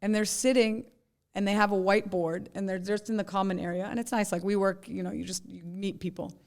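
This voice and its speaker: A woman's voice: mid-range voice, level tone, fairly quick, creaky. Give me a woman entrepreneur in her thirties chatting on a podcast, telling stories in an easy, casual way. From Jordan, raised in New York. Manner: chatty storyteller, says "like" and "right?". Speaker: guest entrepreneur. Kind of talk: casual conversation.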